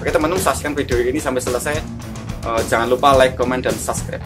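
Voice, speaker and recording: A man's voice: medium pitch, fairly even intonation, quick pace. A man hosting a reaction video, giving a formal introduction with many greetings. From Indonesia. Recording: loud guitar music behind.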